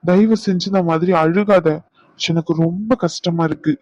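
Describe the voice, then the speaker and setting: A man voicing a young husband in a cartoon, speaking softly and reassuringly. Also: sits high, fairly even intonation, normal speed, dry recording, muffled recording. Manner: soft, reassuring. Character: young husband, gentle and remorseful.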